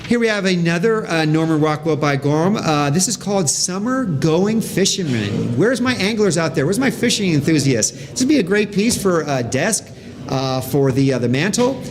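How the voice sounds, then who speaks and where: Guy auctioneer calling bids, kinda high voice, keeps repeating the numbers and calls. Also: very animated, moderate pace, noisy background. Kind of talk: live auction bid-calling.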